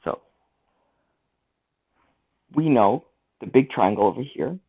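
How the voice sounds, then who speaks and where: Man, math teacher, step-by-step explaining, gravelly, tinny phone-like sound. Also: mid-range voice, lively intonation, slow pace. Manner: step-by-step explaining, talks through the working aloud. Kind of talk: screen-recorded lesson walkthrough. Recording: tinny lo-fi mic.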